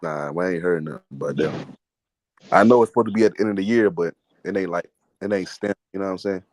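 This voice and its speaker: Blunt, slangy podcast co-host. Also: male voice, low voice, fast talker, dry recording. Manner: blunt, slangy, swears freely. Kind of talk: casual chat.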